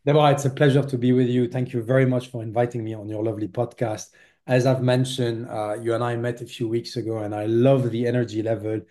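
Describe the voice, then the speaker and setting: Man from Lebanon, forties, very dark mellow tone, halting speech full of fillers, interview guest. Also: mid-range voice, little pitch movement. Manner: hesitant, many filler sounds. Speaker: podcast guest. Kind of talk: interview conversation.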